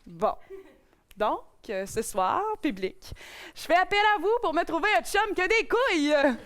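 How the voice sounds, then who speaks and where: A young woman with a Québécois French accent opens a live cabaret show with a stand-up monologue. Her voice sits high, and her delivery is playful and self-mocking as she addresses the audience from the stage. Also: big pitch swings, a little slow, fairly bright tone. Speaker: host.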